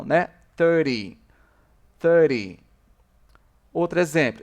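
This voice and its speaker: A male English teacher works through a review lesson at an unhurried pace. He draws out each English model word slowly and often says it twice, then slips into lower, quicker asides between them. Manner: slow, drawn-out English model words repeated for practice; explains in Portuguese, drops low and quick on asides. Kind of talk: recorded review class.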